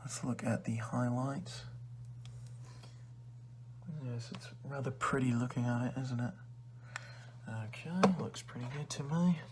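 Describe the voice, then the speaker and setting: A condescending male librarian , acted out by a man, in a soft ASMR ASMR role-play. He has a chummy yet rude salesman's patter and an average-pitched voice. There is some noise and clicking in the recording. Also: measured pace, pauses often, lightly acted. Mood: teasing, murmuring. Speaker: ASMR performer.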